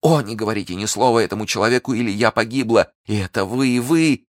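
A man voicing a scheming noblewoman prisoner in an audiobook, pleading and exclamatory, pitched up from his own voice. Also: quick pace, no echo, clean studio sound, close to an everyday voice. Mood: desperate pleading. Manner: pleading, exclamatory, high and breathless. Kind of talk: audiobook character voice.

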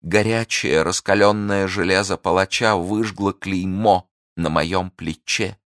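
A man's voice: sits low, steady tone, measured pace, fairly bright tone, no echo, voice pushed up. Scheming young noblewoman, pleading and grand, read by a man in audiobook style, dry booth. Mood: anguished. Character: scheming noble young woman, proud and wounded. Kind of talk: audiobook reading.

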